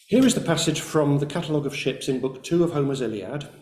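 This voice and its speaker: A man's voice: a little high, fast, darkish tone, reverberant. A man giving an academic lecture, reading carefully from a script with brief hesitations. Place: lecture room.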